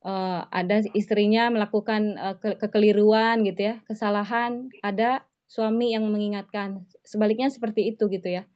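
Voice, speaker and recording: A woman's voice: medium pitch, steady tone, normal speed, a little mellow. A woman religious teacher giving an online lesson in a conversational way, tagging her phrases with 'gitu ya', heard over a video call. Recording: slightly muffled online call audio.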